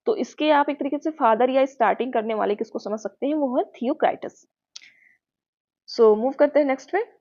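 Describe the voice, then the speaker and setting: A woman's voice: high-pitched, brisk, dark tone. A woman with an Indian accent giving an exam-prep lecture, explaining patiently and checking in with her students often. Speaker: teacher. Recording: muffled lo-fi sound.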